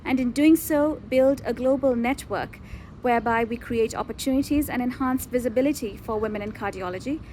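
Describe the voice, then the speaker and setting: A woman cardiologist from Sri Lanka gives a short self-introduction, earnest and articulate. Her voice sits a little high, with faint background ambience. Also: brisk, a little mellow, slight background noise.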